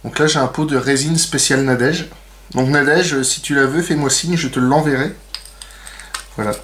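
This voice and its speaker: A man's voice: mid-range voice, fairly even intonation, moderate pace, a bit bright. A man hosting a casual nail art tutorial, chatty and full of fillers, with playful self-mocking asides. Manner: chatty, many fillers and "donc". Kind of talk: casual how-to demonstration.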